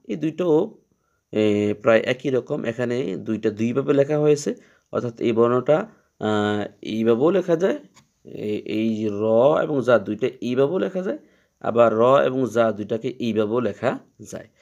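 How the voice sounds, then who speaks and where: A man teaching Quran reading, explaining each letter patiently and repeating its sound slowly three times. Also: mid-range voice, animated, darkish tone, dull audio. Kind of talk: step-by-step letter lesson.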